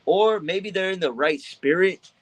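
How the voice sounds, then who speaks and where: A man's voice: sits high, low-quality recording. A man hosting a casual religious discussion, teaching from scripture and often checking in with his listener. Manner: reads scripture aloud slowly. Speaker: podcast host leading a scripture study.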